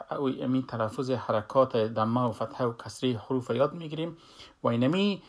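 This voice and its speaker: A man teaching a Quran recitation lesson, explaining slowly and calling out drawn-out letter sounds. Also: mid-range voice. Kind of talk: tajweed lesson.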